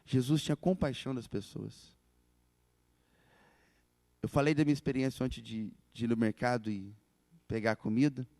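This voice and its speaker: A man preaching a sermon in a church, telling the story with animated delivery and acting out the quoted voices. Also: mid-range voice, normal speed, long pauses, no echo, in a large hall.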